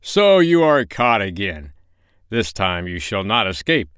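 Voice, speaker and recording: A man's voice: fairly low pitch, big pitch swings, a little slow, fairly bright tone, smooth, dry recording. A man voicing a boastful king who gloats and barks orders. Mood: gloating. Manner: gloating, commanding. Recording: dry close recording.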